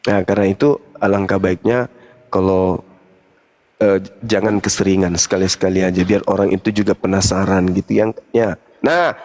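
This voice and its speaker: Older man, host, fatherly, lecturing, animated storyteller. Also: on the low side. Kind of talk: casual advice chat on a live stream.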